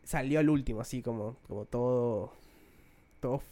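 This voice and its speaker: A man, co-hosting a casual chat and telling stories with lively acted-out quotes. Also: medium pitch, moderate pace. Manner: animated storyteller who acts out quoted lines. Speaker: podcast co-host.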